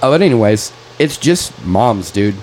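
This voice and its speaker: A man in his late thirties talks on a casual podcast, his voice sitting low. He swears freely and drops dude into every sentence. A faint background hum runs under the recording. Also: big pitch swings, normal speed, a little mellow, poor audio. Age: 30s. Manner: profane, calls everyone dude, venting frustration. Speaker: podcast co-host. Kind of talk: casual chat.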